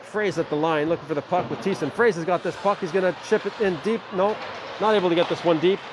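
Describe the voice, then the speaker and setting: A middle-aged man doing amateur live play-by-play of a hockey game at an ice rink, rattling off the action and dropping in relaxed, chatty asides. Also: sits high, fast, noisy background. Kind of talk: amateur live sports commentary.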